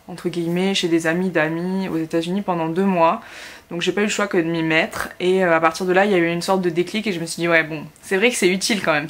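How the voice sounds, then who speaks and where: Low-voiced chatty French woman vlogger. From France. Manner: chatty, many fillers and restarts. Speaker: YouTuber. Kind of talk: casual talk to camera. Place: at home in Korea.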